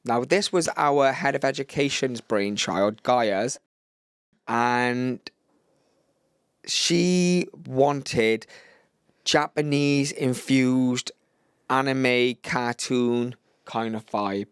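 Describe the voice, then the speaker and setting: A man's voice: mid-range voice, drawn-out words, clean tone, no room sound, clean studio sound. A man chatting casually and bluntly as a company co-host presenting products. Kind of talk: casual chat.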